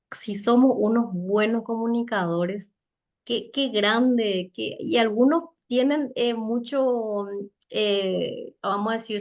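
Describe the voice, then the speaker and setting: A woman giving a conversational seminar talk on soft skills, chatty and halting, often tagging her points with rhetorical questions. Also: mid-range voice. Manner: chatty, with frequent rhetorical tag questions and light laughs; loose, halting delivery with many fillers and restarts. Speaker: speaker teaching soft skills for network marketing.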